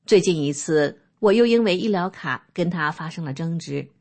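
Low, husky woman reading calmly. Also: normal speed. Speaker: narrator. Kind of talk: first-person testimony read aloud.

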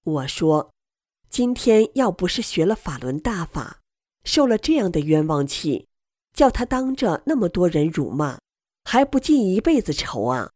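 Slow, lively-pitched woman narrator. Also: no room sound, studio quality. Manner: slow, measured storytelling read. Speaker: narrator reading a first-person account. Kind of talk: scripted narration.

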